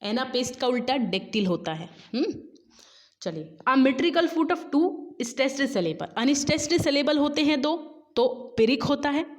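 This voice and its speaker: Fairly high-pitched woman teaching, quizzing. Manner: quizzing, repeats answers, reads questions slowly. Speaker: English exam teacher. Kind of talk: Hindi-English exam lesson.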